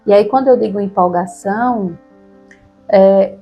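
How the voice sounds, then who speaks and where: Brief: Brazilian woman, chatty co-host, slightly husky, mid-pitched, soft music under. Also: a little slow, highs cut off. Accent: Brazilian Portuguese. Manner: relaxed, chatty, frequent tag questions. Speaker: podcast co-host. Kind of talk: casual conversation about reading aloud.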